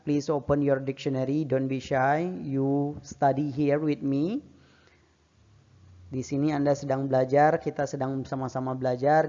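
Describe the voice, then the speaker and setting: A man teaching a beginners' English lesson online in an Indonesian accent, patient and encouraging, repeating each sentence slowly. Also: mid-range voice, creaky, a little mellow, dull audio.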